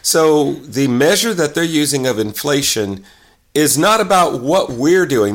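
A man co-hosting a podcast, opinionated, speaking in quick bursts. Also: on the high side. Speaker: podcast co-host. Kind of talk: casual interview chat.

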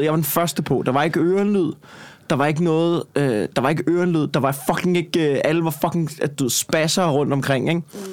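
A man, a stand-up comedian with a Copenhagen Danish accent, telling a story in casual chat, rambling and swearing as he gets heated. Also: a little high.

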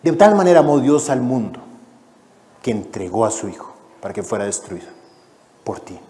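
A male preacher giving an emotive testimony sermon, swinging between loud exclaiming and hushed prayer. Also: medium pitch, sing-song, normal speed. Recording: long hall reverb.

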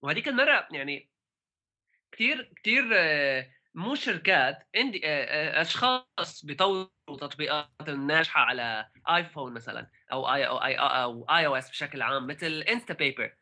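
Sharp, bright-voiced Levantine Arabic man, chatting. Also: fairly high pitch, lively intonation. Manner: halting, mixes English tech words into Arabic. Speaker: podcast co-host. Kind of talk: casual tech discussion.

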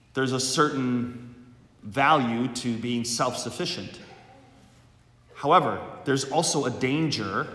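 A male priest reads the Gospel and preaches, slow and measured, going back over key phrases for emphasis. His voice rings through a long cathedral echo in a roomy church space. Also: mid-range voice, fairly bright tone. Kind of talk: Gospel reading and homily.

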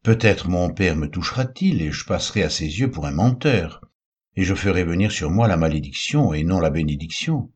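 A man's voice: low voice, expressive, normal speed, slightly rough. A man reading the part of an anxious younger son deceiving his father, in an earnest, pleading way.

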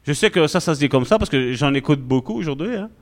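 A male pastor giving an animated, conversational sermon full of asides to the congregation. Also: a little high, fast.

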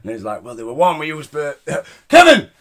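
A man's voice: medium pitch, quick pace. A British man hosting a casual, sweary podcast recap of wrestling in an informal way. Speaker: podcast host reviewing wrestling shows.

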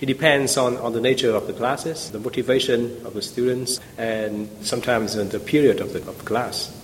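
A man's voice: mid-range voice, steady tone, normal speed, big-room sound, a little hiss or hum, poor audio. Man with a Vietnamese accent, hesitant. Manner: hesitant, many fillers and restarts. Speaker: guest, language teacher. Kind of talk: conversational podcast interview.

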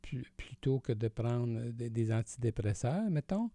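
A man with a Quebec French accent co-hosting a conversational podcast, explaining in a measured, somewhat hesitant way. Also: medium pitch, expressive, dark tone, no echo. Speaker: podcast co-host, counselling professional.

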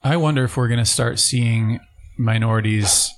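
A male podcast co-host giving his views in a measured way, often with short agreements. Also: mid-range voice. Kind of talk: casual podcast conversation.

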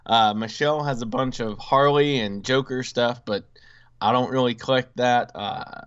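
A man co-hosting a casual podcast, sounding eager and stumbling into restarts as he talks. His voice is smooth and resonant at a middle pitch. The recording sounds somewhat dull and lo-fi. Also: fairly even intonation, a bit bright. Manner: enthusiastic, halting with restarts. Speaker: podcast co-host. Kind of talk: casual chat.

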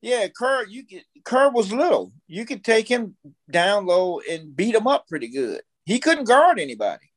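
This American man in his fifties, guesting on a podcast, talks at normal speed in a high voice with big pitch swings. He tells stories in casual conversation, bluntly opinionated and repeating himself for emphasis.

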